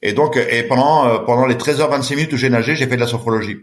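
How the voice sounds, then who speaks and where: A man's voice: medium pitch, quick pace. A middle-aged man telling a story with animation as a podcast guest, acting out the voices of the people in it. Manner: lively, acts out voices in his story. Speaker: guest, long-distance swimmer.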